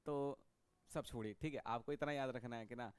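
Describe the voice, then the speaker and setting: A man's voice: medium pitch, steady tone, moderate pace, clear, resonant tone, no room sound. A man teaching a biology lecture in a classroom style. He repeats key points and keeps checking that students follow him. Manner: repetitive, checks understanding with frequent "okay".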